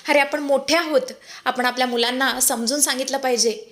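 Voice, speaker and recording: A woman's voice: high voice, fairly even intonation, a little fast, natural voice. Woman reading an anxious older father. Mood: urgent. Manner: urgent and pleading.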